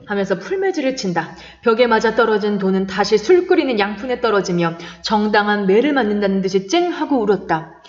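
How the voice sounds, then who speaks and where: A woman narrating a classic short story in a measured, expressive reading, in a dull, echoey recording. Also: medium pitch. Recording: dull-toned echoey recording with long reverb.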